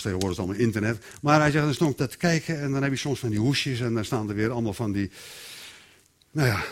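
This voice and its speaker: A man preaching a sermon in a lively, animated way, acting out quotes and inner voices. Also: medium pitch.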